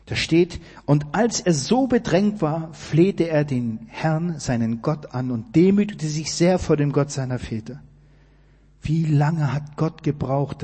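A man preaching a sermon, emphatic and direct, asking his listeners questions and building to loud climaxes. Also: on the high side, husky, long reverb tail. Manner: emphatic, rising to near-shouting climaxes.

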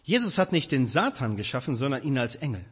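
A man preaching a sermon, addressing his congregation directly with emphatic, animated delivery. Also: medium pitch, fast, husky.

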